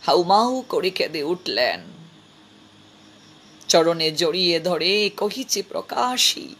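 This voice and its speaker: A man's voice: sits high, sing-song, slow pace, fairly bright tone, a little hiss or hum. A male kirtan preacher telling a devotional story in an emotive, melodic, lingering way.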